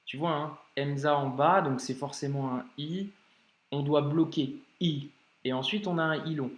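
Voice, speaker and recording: A man teaching Arabic reading in an informal video lesson, speaking directly and encouragingly to the learner and slowly sounding out each word. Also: a little high, roomy sound. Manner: slows down to sound out words carefully.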